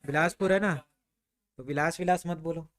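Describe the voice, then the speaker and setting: High, smooth-voiced man teaching history. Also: moderate pace, fairly bright tone. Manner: quizzing students, answering his own questions; conversational, repeats "ठीक है" often. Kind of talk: classroom history lesson.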